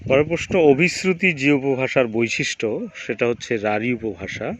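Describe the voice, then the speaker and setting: A male teacher running through exam questions, reading each question and then giving its answer in a steady drilling rhythm. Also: medium pitch, a little fast. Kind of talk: exam quiz review lesson. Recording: dull lo-fi recording, faint background noise.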